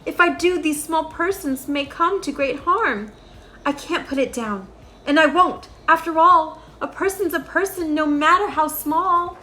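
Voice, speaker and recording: A woman's voice: high-pitched, measured pace, sharp tone, echoey room, a little hiss or hum, pitched above the performer's own voice. A woman voicing an earnest, kindly male elephant from a storybook, speaking in an emphatic, pleading way. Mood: worried, determined.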